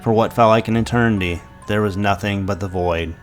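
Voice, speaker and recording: A man with a very low voice narrates a scary story in a dramatic, measured way. Faint music plays quietly beneath his reading. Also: fairly even intonation. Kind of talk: scripted horror story narration.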